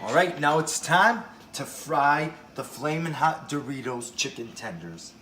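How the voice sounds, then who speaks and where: A man's voice: fairly high pitch, expressive, a little slow, music in the background. Upbeat man hosting a cooking video. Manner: upbeat, enthusiastic, talks straight to viewers. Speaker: cooking show host. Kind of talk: home cooking video narration. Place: home kitchen. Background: oil frying and sizzling.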